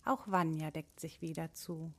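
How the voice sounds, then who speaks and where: A woman narrating a rhymed children's storybook in a measured, sing-song way. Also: sits low, steady tone, a bit bright.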